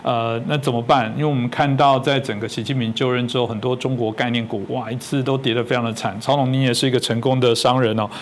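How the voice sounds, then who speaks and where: A man's voice: medium pitch, steady tone, quick pace, few pauses, a little hiss or hum. A man with a Taiwanese Mandarin accent, hosting a political talk show and asking long, winding questions full of fillers.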